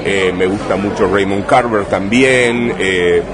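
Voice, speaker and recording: Here a man from Rosario with the city's distinctive Argentine Spanish accent talks as an interviewed writer, his voice fairly low in pitch. The conversation is casual, but his delivery is halting and considered, peppered with restarts and tag questions. Noisy bar ambience surrounds him: crowd chatter plus passing cars.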